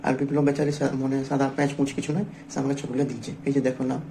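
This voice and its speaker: Gravelly, fast-talking storyteller man. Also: mid-range voice, little pitch movement, warm tone, slight background noise, rough recording. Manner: joking, rambling anecdote with local dialect words. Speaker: vlogger. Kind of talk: casual storytelling to camera.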